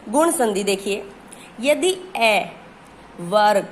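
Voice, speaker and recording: A woman's voice: mid-range voice, expressive, takes it slowly, a little hiss or hum. A woman teaching a grammar lesson, who asks questions and answers them herself and stretches out key words.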